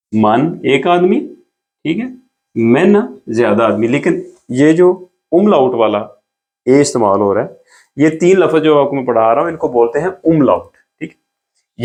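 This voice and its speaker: Fairly high-pitched, sing-song, and a little mellow, this man's voice guides beginners through a language lesson. He writes as he explains patiently, step by step, repeating each sound slowly.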